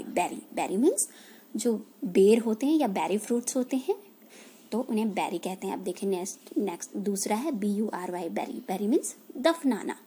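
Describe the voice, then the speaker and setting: A woman teaches a vocabulary lesson, spelling each word letter by letter. Her voice is mellow and low in brightness, sitting at an ordinary pitch. A faint noise runs underneath the recording. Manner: spells words letter by letter, explains slowly. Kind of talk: English vocabulary lesson in Hindi.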